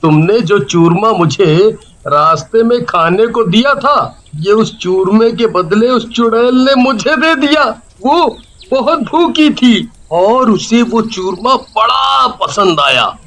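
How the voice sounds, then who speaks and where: A man voicing a poor, timid village husband in a cartoon, halting and nervous. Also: sits high, animated, a bit bright, slight background noise, heavily acted. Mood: earnest. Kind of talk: cartoon voice acting.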